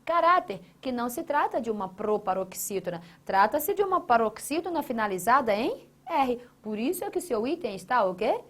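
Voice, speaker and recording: A woman leads an exam-prep grammar lesson. She poses questions, then answers them herself. She drags out syllables slowly as she writes. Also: on the high side, big pitch swings. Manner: drawn-out syllables while writing on a board. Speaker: teacher.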